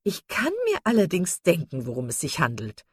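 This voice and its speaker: A woman's voice: low voice, sing-song, normal speed, slightly rough, no echo, clean studio sound, exaggerated voice. A woman voicing a gossipy, prying older woman in a read-aloud novel, eager and nosy.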